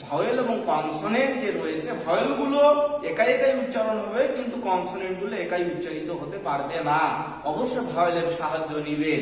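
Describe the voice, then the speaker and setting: High-voiced man teaching in an echoey hall. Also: distant mic. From Bangladesh. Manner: asks questions and answers them himself. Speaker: English teacher. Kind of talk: classroom grammar lesson.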